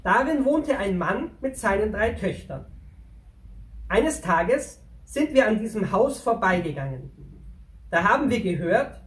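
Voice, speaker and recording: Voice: medium pitch, big pitch swings, unhurried. Friendly male pack donkey, played by a performer as a kids' storyteller; chatty, talks straight to the children; roomy, distant recording. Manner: chatty, addresses the children directly. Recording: roomy, from away from the mic.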